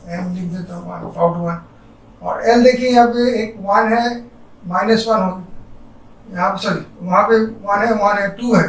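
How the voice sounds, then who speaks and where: A man's voice: sits high, reverberant, distant mic, poor audio. A man teaching a physics lecture, working through a problem step by step, thinking aloud and correcting himself. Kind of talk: classroom lecture.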